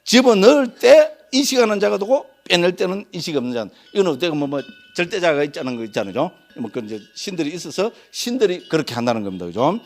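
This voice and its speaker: A middle-aged male monk with a Gyeongsang accent teaches scripture in a voice that climbs and drops with great animation. He sits a little above the usual male pitch. He peppers his talk with rhetorical questions and sudden, punchy exclamations. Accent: Gyeongsang Korean. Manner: lively, keeps asking rhetorical questions. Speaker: Buddhist monk lecturer. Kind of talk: sutra lecture.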